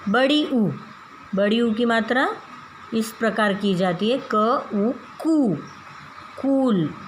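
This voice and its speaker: Slow, patient woman teaching a lesson. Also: fairly high pitch, slight background noise, low-quality recording. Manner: slow, patient, spells out syllables one by one. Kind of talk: Hindi grammar lesson for children.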